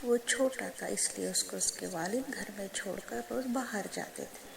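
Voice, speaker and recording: A woman telling a children's story at an unhurried, gentle pace, her voice gravelly. A murmuring crowd sits in the background of the recording. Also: medium pitch. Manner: slow, gentle, addressing children.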